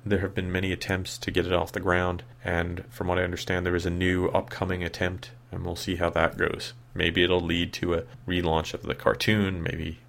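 Low, gravelly man narrating evenly. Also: monotone, normal speed, hardly any pauses, a bit bright. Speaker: retrospective show host. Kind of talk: scripted narration with personal asides.

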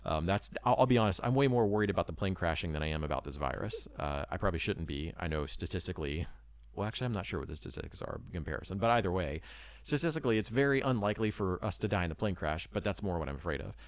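Man, low voice, dry close sound; casual talk, rambling and earnest. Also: animated, very fast, dry recording. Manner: rambling, full of hedges and "you know". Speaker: missionary preparing to move abroad.

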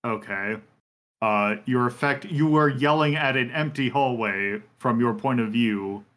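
A man's voice: medium pitch, a little slow, fairly bright tone. A man running a tabletop game as game master, narrating with many fillers and restarts.

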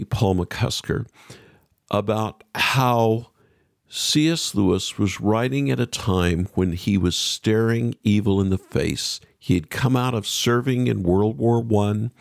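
An American man hosts a radio interview programme, introducing things and putting questions to a guest. His voice is fairly low and creaky. The recording is dry, with clean studio sound.

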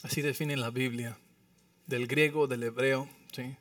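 A man's voice: mid-range voice, fairly even intonation, a little slow, fairly bright tone, recorded from a distance. A man preaching as a pastor in a church, telling stories with humor and checking in with the congregation through frequent tag questions. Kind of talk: sermon. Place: church sanctuary.

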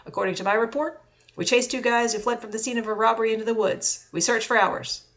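A woman's voice: fairly high pitch, fast talker, a bit bright, voice pushed up. A woman reading the lines of a blunt, no-nonsense male police officer. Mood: dismissive.

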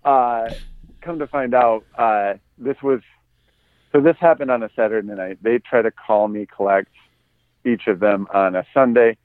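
A man's voice: medium pitch, moderate pace, no room sound. Laid-back man, tinny dry podcast audio. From United States. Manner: laid-back, chuckles through his story. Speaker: podcast co-host. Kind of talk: casual storytelling.

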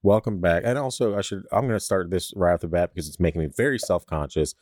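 A man's voice: deep voice, fast talker, darkish tone, dry recording, studio quality. A young man hosting a podcast, stuffy-nosed and rambling, joking about himself in casual banter. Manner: rambling, self-deprecating, joking. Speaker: podcast host.

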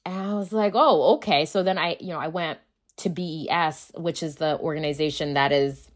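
A woman whose native language is Akan speaks casually in an interview about founding a school, using a low voice at normal speed. As she tells her story, she acts out dialogue.

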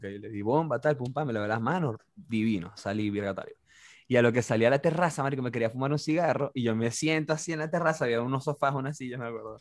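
A man's voice: mid-range voice, no echo, studio quality. A young man with a Venezuelan accent, telling a slangy party story on a podcast and acting out the voices of the people in it. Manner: rapid, slangy, acts out quoted voices. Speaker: podcast host. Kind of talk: casual storytelling.

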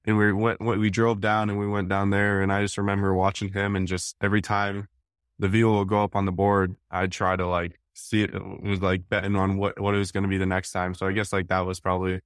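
A man's voice: sits low, completely flat delivery, fairly quick, smooth, no echo, clean studio sound. A teenage man from New England, a guest on a casual podcast chat, laid-back and hesitant with frequent restarts. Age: teens. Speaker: guest, baseball prospect.

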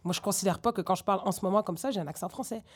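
Woman rapper, raised in Senegal, French accent with Québécois traces, chatty and animated interview guest. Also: mid-range voice, rapid-fire, husky. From grew up in Senegal. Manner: animated, digressive, many fillers. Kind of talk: candid interview conversation.

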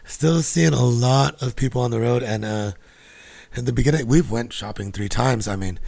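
A man's voice: mid-range voice, moderate pace, creaky, darkish tone, no echo. A man from Guam hosting a casual solo podcast outdoors, rambling in loose, slangy, sweary talk. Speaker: podcast host.

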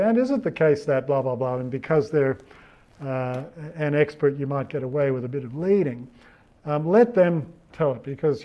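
A man's voice: fairly high pitch, a little mellow, dull audio. A middle-aged man tells courtroom stories to lawyers in a loose, anecdotal style, full of fillers and restarts. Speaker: barrister giving advocacy training. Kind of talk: talk to lawyers on expert witnesses.

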